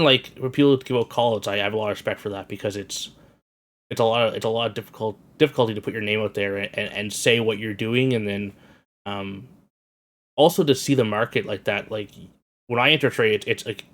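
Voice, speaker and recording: A man's voice: on the low side, fast, a bit bright. A man chatting casually about trading, agreeable, often stopping and repeating words. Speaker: student guest. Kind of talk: casual chat.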